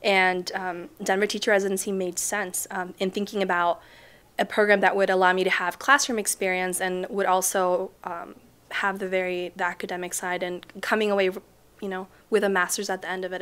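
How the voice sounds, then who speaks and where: A young woman from Chile answers interview questions as a teacher, pausing often with ums and letting her sentences trail off softly. Her voice sits at an ordinary middle pitch, and she is recorded indoors in a school library. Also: level tone, smooth. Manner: thoughtful, frequent ums, soft trailing off. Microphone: off-camera mic, seated interview framing.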